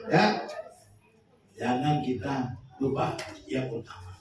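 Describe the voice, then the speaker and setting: A man's voice: mid-range voice, animated, very slow, noisy background. A man preaching a sermon, joking and acting out little everyday scenes. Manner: humorous, acts out little scenes in voices. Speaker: pastor. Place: large church hall. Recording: echoey church hall, mic at a distance.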